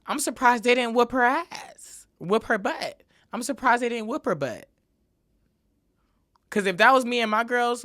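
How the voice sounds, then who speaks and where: On her own podcast, a woman whose voice runs on the high side and a bit bright gives a casual monologue alone. She's emphatic and relies on many repeated filler tags.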